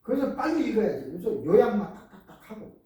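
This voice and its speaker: An older man, a professor giving a lecture, talking in an animated, emphatic way and repeating his key words. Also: high-pitched, fast. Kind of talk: lecture on speed reading. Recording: echoey room, voice from far off.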